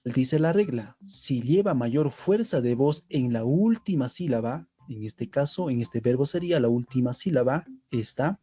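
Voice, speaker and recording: In this scripted lesson, an English teacher spells out letters and pairs every word with its translation. His medium-pitched voice is mellow with a breathy edge.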